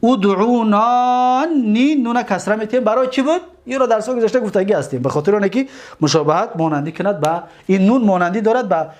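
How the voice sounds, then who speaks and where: A man's voice: high-pitched, animated, a little mellow. Man drilling verb forms in a lesson. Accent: Tajik-accented Persian. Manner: drills verb forms slowly, stretching each word; checks in with listeners often. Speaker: Arabic morphology teacher. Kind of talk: classroom grammar lesson.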